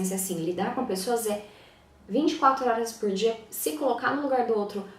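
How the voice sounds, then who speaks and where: A woman's voice: mid-range voice, a little mellow, far from the mic, slight background noise. Woman teaching in a roomy echo. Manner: reflective, frequent tag questions. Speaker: NLP coach. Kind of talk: casual teaching talk to camera.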